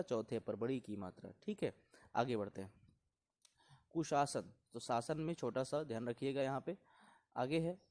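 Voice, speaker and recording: Hindi teacher drilling word spellings. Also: male voice, a little high, a little mellow. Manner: repeats words slowly and reminds students to pay attention. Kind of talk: exam-prep spelling lesson.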